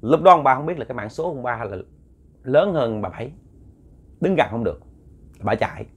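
A man's voice: medium pitch, lively intonation, moderate pace, breathy edge. A man with a Southern Vietnamese accent, narrating a ghost story in a rambling way with many fillers and repeats, speaking to his listeners. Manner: addresses listeners directly.

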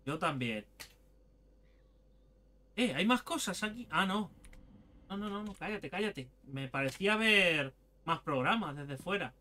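A man, excitedly commenting as he plays a game, swearing and talking to himself. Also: high-pitched, moderate pace. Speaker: gaming video host. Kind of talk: let's play commentary.

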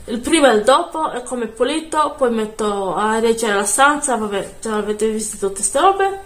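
A woman chatting casually into her phone camera at home, soft-spoken and rambling, often correcting herself. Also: a little high, echoey room. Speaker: beauty vlogger. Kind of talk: casual vlog chat.

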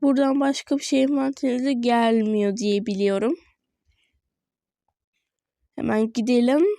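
High-voiced chatty woman narrating gameplay. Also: steady tone, unhurried, creaky, warm tone, no room sound, studio quality. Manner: chatty, easily frustrated, talks to viewers. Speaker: gaming video creator. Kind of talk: casual gameplay commentary.

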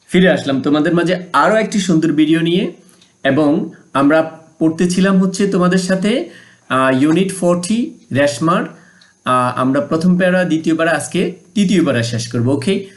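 A man's voice: a little high, moderate pace. Man teaching English vocabulary. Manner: explains word by word, repeats and asks rhetorical questions. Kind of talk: video lesson for primary students.

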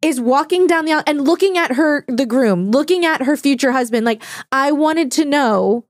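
Young woman, podcast co-host, casual chatty talk, fairly high voice, dry close mic. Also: moderate pace, no room sound. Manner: chatty, animated, lots of "like", swears casually. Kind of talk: casual chat.

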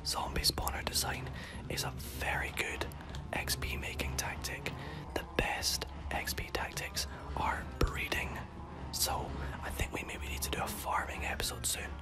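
A gaming host whispering soft, chatty commentary over gameplay, self-correcting as they go, while losing their voice and coughing now and then. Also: mid-range voice, vocal fry.

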